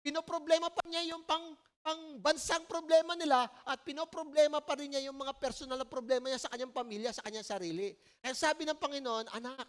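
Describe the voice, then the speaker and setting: A woman with a Filipino accent preaching a sermon at a church service in a conversational, animated way, often checking in with the listeners. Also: sits high, fairly quick. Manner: conversational, animated storytelling, frequent "po" and "no?".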